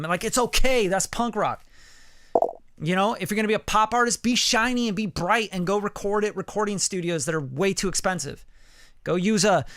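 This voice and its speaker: A man in his late thirties giving a casual live song critique as a music producer, animated and profane, full of "like" and "you know.". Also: sits high, dry recording, clean studio sound. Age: late 30s. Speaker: music producer reviewing listener songs.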